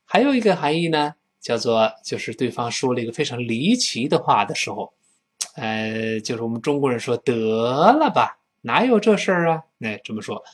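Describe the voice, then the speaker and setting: Lively male English teacher, husky voice. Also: medium pitch, brisk. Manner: lively, acts out dialogue lines in a raised voice. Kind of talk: spoken English lesson.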